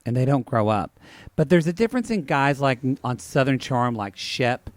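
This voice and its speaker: A man co-hosting a casual podcast recap, retelling scenes with wry, deadpan quips. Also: mid-range voice, moderate pace, dry recording. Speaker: podcast co-host.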